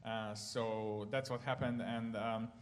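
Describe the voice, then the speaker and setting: Giving a testimony talk in a church hall, this Hungarian-accented man who grew up in Ukraine tells his story hesitantly, full of fillers. His lowish voice moves little in pitch and stays slow. The room sounds big, with slight background noise.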